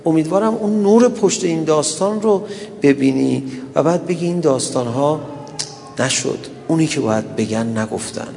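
A man's voice: on the high side, animated, vocal fry, warm tone, big-room sound, a little hiss or hum. A man preaching a sermon and retelling stories, tender at first and rising into mournful lament. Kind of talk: religious sermon with storytelling and lament.

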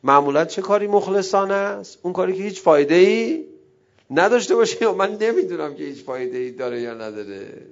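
A middle-aged man preaching a sermon, emotive, dropping to a hush and rising loud as he acts out quoted dialogue. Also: sits high, expressive, highs cut off. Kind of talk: religious sermon.

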